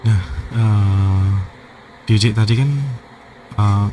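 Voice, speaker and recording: A man's voice: lowish voice, little pitch movement, extremely slow, background noise. A man telling a personal horror story in a casual, hesitant way, often quoting what he said. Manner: hesitant, quoting his own words, soft-spoken. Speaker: guest storyteller. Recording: music playing behind.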